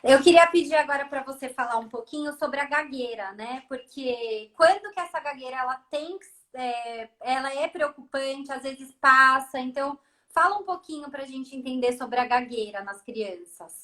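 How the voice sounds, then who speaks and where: Woman, school coordinator, host, live video call, friendly, high pitch. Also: normal speed, hardly any pauses, fairly bright tone. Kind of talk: live-stream interview questions.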